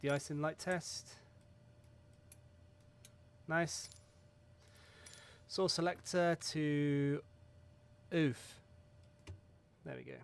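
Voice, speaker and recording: The voice is fairly high and resonant, clear in tone, with fairly even intonation, drawn-out words and long pauses. It belongs to a man hosting a flight sim video, casually rambling over a pre-flight checklist while swearing at times and making fun of himself.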